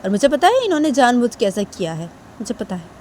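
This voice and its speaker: Woman putting on an angry young woman, keeps repeating herself, voice pushed up higher, faint traffic behind. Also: sing-song, fast talker, darkish tone. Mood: angry, accusing. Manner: insistent, repeats herself stubbornly.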